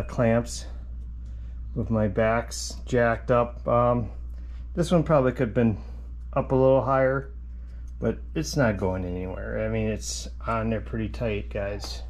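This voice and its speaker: Rambling and chatty, this fifty-something DIY host films a casual vlog from his driveway and garage workshop, frequently calling his audience "guys." He speaks on the low side with a darkish tone, and there's a slight hiss or hum.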